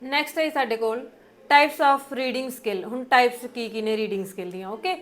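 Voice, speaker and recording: A young woman with a Punjabi accent, teaching an exam-prep lesson, explaining patiently with many fillers and reading English points slowly. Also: fairly high pitch, fairly bright tone.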